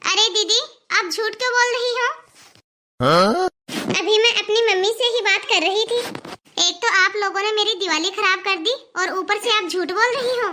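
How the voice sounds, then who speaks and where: A very high, bright voice belongs to this cartoon's spoiled young bride, who whines and boasts with a sharp tongue. Her delivery keeps a constant edge of complaint. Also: expressive, moderate pace, slight background noise, heavily acted. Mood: indignant. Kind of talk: cartoon voice acting.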